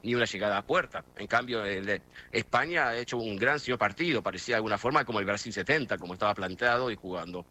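A fairly low, pushed and bright male voice rushes along with hardly any pauses. The speaker, a middle-aged Argentine from near Buenos Aires with that region's accent, is a talkative guest correspondent on a radio phone interview who keeps hesitating and restarting.

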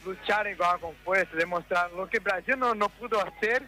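A man from Brazil speaking Spanish with a Brazilian Portuguese accent, halting and searching for words in a street interview. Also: high-pitched, pushed and bright, soft background music, low-quality recording.

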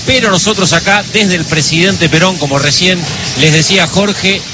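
A man's voice: high-pitched, normal speed, music in the background. A man, a radio football commentator, greeting listeners in a ceremonious way. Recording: stadium booth with background noise.

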